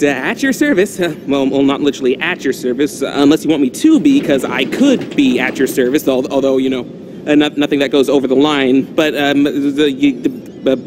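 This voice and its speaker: A man's voice: on the high side, noisy background, close to an everyday voice. An actor playing a nervous, eager-to-please male subordinate in a video game, stammering and rambling hesitantly. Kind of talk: video game character acting.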